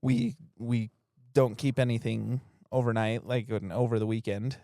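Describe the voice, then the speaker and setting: A man's voice: mid-range voice, expressive, normal speed, gravelly, mellow, no room sound, studio quality. A man co-hosting a casual chat, laughing often while telling anecdotes. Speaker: podcast co-host.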